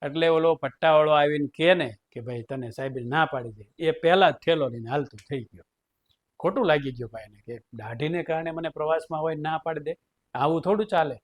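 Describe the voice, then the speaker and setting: A man's voice: a little high, fairly even intonation, brisk. A man telling a humorous story, chuckling often between sentences.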